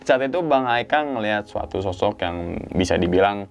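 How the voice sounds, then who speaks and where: A man's voice: on the low side, animated, fairly quick. Chatty man hosting a horror story podcast. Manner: chatty, jokey, frequent backchannel questions. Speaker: podcast host. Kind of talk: casual chat.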